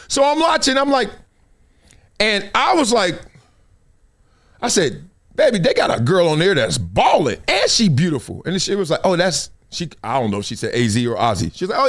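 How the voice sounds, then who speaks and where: A middle-aged American man from South Central Los Angeles hosts a show, telling stories and tossing out casual, slangy, joking commentary. His voice sits on the high side with a fairly bright tone.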